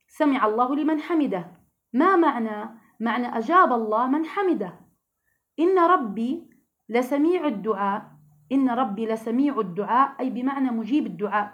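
Woman, religious teacher, earnest, questions the listeners, high-pitched, muffled lo-fi recording. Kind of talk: religious lesson to women.

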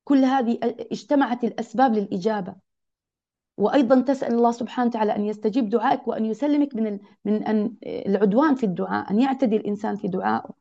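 A woman's voice: a little high, racing, vocal fry, warm tone. A woman teaching a religious lesson to other women, earnest and exhorting, repeating key phrases. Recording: dull lo-fi recording.

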